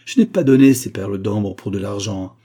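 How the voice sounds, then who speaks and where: A man's voice: fairly low pitch, moderate pace, warm tone, breathy edge. A man voicing a frightened servant woman who tearfully protests her innocence. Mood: pleading.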